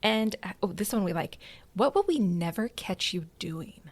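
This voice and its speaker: A woman's voice: medium pitch, animated, moderate pace. A woman hosting a podcast, asking a guest casual questions with upbeat, enthusiastic reactions. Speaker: podcast host. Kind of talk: casual interview chat.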